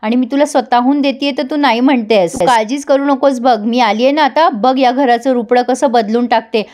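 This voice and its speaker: A woman's voice: a little high, brisk, a little mellow, lightly acted. A woman voicing a cruel, money-minded elder sister who talks down to everyone, in a retold TV serial scene. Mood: bossy.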